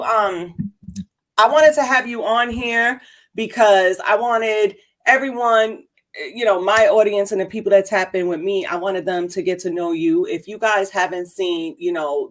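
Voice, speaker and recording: A woman hosting a podcast, chatting casually and upbeat with a guest. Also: mid-range voice. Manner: upbeat, chatty, laughs easily. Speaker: podcast host. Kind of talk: casual interview chat.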